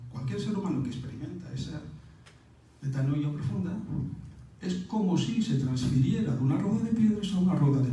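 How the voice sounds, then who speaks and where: A man's voice: mid-range voice, mellow. Male lecturer, explanatory and repetitive, faint room hum behind, distant mic. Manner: explanatory, repeats key words, asks rhetorical questions. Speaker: lecturer on scripture. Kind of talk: spoken lecture to an audience. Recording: roomy echo from a distant mic.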